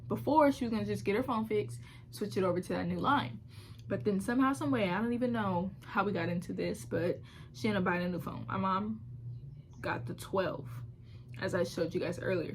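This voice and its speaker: A woman's voice: medium pitch, a little hiss or hum. A woman in her twenties chatting casually to camera in a home vlog, talking freely with lots of fillers and playful exclamations, recorded on a phone camera. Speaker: vlogger. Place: at home, indoors.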